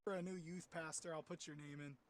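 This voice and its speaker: High-voiced young man stammering through thoughts. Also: fairly even intonation, fairly quick, no echo. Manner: stammering, thinking aloud. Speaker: podcast co-host. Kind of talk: casual podcast chat.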